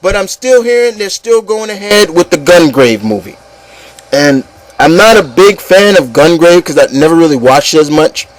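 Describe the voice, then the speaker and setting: In a rough recording, a man with a highish voice and lively intonation talks at a moderate pace. He vents with a co-host on his casual opinion show, speaking bluntly and with irritation, swearing, stammering and going back over words and phrases.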